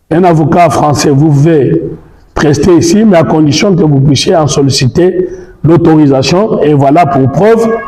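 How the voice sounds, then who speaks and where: A man's voice: fairly high pitch, mellow. A Congolese man, a lawyer, making a formal and methodical statement, arguing his case point by point. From Congo (DRC). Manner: argumentative, methodical, citing law articles. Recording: echoey room.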